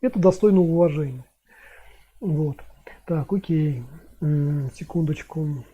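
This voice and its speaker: A man's voice: a little high, a little slow, dark tone, breathy edge. A man in his fifties chatting casually on a livestream, rambling with many filler sounds. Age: 50s. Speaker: streamer answering chat. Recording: dull lo-fi stream audio.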